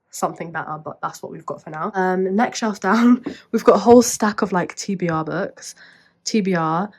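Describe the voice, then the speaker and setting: A woman's voice: fairly low pitch, slightly rough. Stuffy-nosed young woman chatting casually. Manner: rambling, upbeat, fills speech with "like". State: congested, stuffy nose, short of breath. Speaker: book vlogger. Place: at home in front of a bookshelf.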